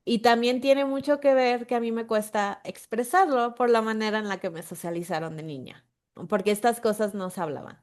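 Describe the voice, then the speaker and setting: A woman's voice: on the high side, normal speed, a little mellow. A woman with a Mexican accent, co-hosting a podcast in casual chat. She tells stories animatedly and acts out imagined dialogues with her own brain. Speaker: podcast co-host.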